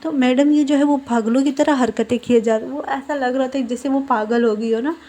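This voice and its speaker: A woman's voice: high voice, fairly even intonation, moderate pace, dark tone. A woman casually retelling a fan fiction story in her own words, with fillers, reading out the characters' lines as she goes.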